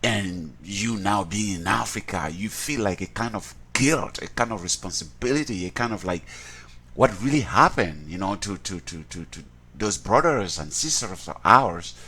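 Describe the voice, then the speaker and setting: A man from Cameroon, speaking in a fairly low voice. He gives an earnest, reflective personal account in an interview, often restarting and repeating words as he searches for them. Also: expressive, normal speed, sharp tone, husky.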